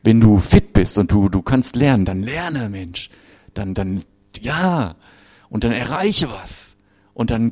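A man's voice: lowish voice, darkish tone, no echo. A middle-aged man preaching a sermon in a conversational way, often turning to his listeners with short questions.

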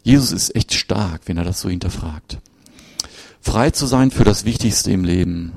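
Man, middle-aged, preacher, conversational sermon, lower voice, dry sound. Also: moderate pace, creaky, a little mellow, husky, dry recording. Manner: conversational, asks listeners with "ne?".

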